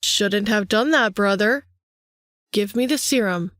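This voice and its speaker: A woman's voice: medium pitch, a little slow, a bit bright, no echo, studio quality, lightly acted. A woman voicing a power-hungry vampire man who taunts his younger brother in a sing-song way. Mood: menacing.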